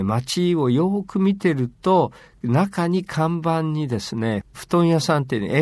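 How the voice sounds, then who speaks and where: A man with a mid-range voice and no room sound co-hosts a casual bilingual talk about language, explaining things in a lively, chatty way. He uses many rhetorical fillers, playful asides, and quoted voices.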